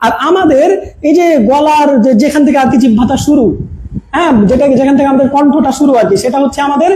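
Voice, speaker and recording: A man's voice: very high voice, fast, noisy background. A man teaching an online grammar class in front of a projector. He repeats key points, keeps asking his viewers questions, and mixes English words into his speech. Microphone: camera mic.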